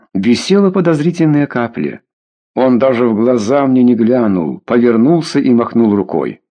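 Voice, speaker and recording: A man narrates a novel in the first person with a slightly husky voice. He reads slowly and with a lot of expression, and his pitch rises and falls vividly. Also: darkish tone. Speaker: audiobook narrator.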